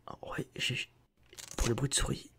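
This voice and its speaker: A man's voice: normal speed, bright, forceful tone. A man giving whispered ASMR reaction commentary as a content creator and streamer, rambling with slangy, joking asides, close to a sensitive microphone.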